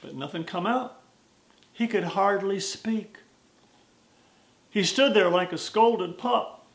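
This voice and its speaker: An American man telling a story in verse as a dramatic, deliberate and strongly emphatic recitation. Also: high voice, creaky, reverberant. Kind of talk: dramatic recitation of a cowboy poem.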